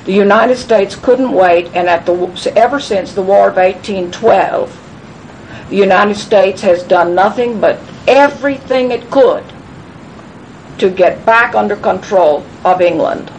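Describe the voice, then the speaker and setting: A woman's voice: unhurried, a little mellow, rough recording. A woman giving a rambling, emphatic conspiratorial talk, answering questions at a gathering, repeating phrases and restarting sentences. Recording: low rumble noise in background.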